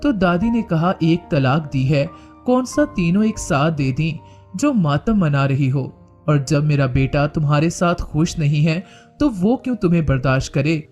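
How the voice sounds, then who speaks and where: Man, storyteller, dramatic reading, slightly high voice, soft music underneath. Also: animated, measured pace. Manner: dramatic, reads all the characters' lines in his own voice. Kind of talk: scripted story narration.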